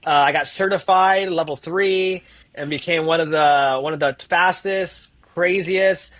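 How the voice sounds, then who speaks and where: A therapist appearing as a podcast guest tells his own story in a slightly high, somewhat bright voice, speaking unhurriedly. He acts out the voices of the people involved and uses fillers like "like" in his animated storytelling.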